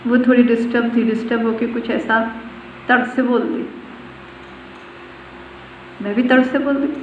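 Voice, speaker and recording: A woman's voice: on the high side, fairly even intonation, moderate pace, a little hiss or hum. A woman spiritual teacher giving a devotional discourse, repeating phrases and putting questions to her listeners. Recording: far-off voice in an echoey room on a tinny phone-like line.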